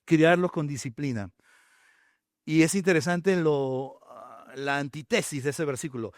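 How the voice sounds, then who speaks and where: A man's voice: on the high side, measured pace, dry recording, clean studio sound. A man preaching a sermon, counting off his points and asking the congregation rhetorical questions. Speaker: pastor.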